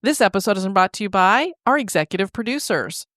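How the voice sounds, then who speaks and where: Woman, podcast co-host, chatty storyteller, candid, mid-pitched voice, dry close sound. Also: lively intonation, fairly quick, a bit bright, no echo. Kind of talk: casual podcast chat.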